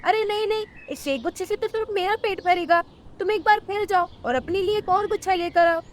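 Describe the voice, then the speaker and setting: A woman's voice: extremely high pitch, brisk, slight background noise. A woman voicing a sly, lazy male crow in a cartoon story, who talks in a wheedling, pushy way. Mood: scheming.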